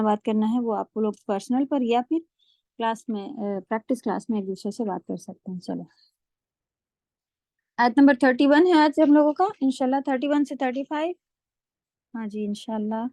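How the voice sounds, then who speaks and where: A woman teaching an online Quran recitation class, repeating sounds slowly for her students to copy and mixing in English words. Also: a little high, dark tone, dry recording. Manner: mixes English words into speech. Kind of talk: online tajweed lesson.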